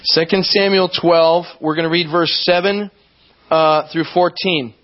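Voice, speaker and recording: A man with a somewhat high voice preaches a sermon, talking to his congregation conversationally and checking in with frequent questions. The recording sounds dull and lo-fi. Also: fairly even intonation, a little slow.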